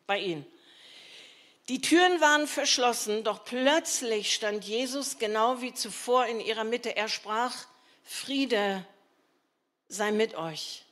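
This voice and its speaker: Slow, high-voiced woman preaching. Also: fairly bright tone. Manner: earnest, emphatic, conversational preaching with rhetorical asides. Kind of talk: sermon.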